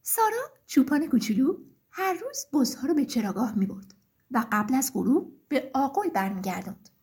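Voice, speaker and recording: A woman narrating a children's story in an expressive, sing-song reading. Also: high voice, husky.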